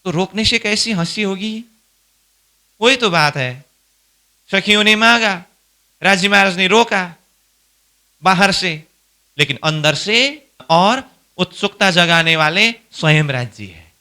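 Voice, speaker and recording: A man's voice: sits high, animated, slow pace, long pauses, bright, forceful tone. A man teaching a devotional scripture class, explaining verses by posing questions and answering them himself. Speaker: spiritual instructor.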